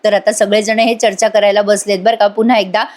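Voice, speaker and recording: A woman's voice: medium pitch, little pitch movement, a little fast, darkish tone. A woman recapping a TV serial episode in a chatty voice-over, talking directly to her viewers. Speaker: TV serial reviewer.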